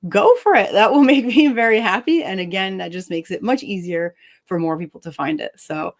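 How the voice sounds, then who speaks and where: A woman author reading her own story aloud and then chatting with her co-host, expressive and upbeat and quick to laugh. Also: medium pitch. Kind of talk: dramatic story reading and casual chat.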